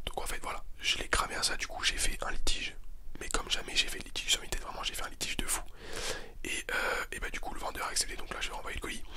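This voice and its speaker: Man whispering quick ASMR chat. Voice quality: breathy unvoiced whisper. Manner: repeats words and phrases softly. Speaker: ASMR video host. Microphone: close handheld-style stereo recorder.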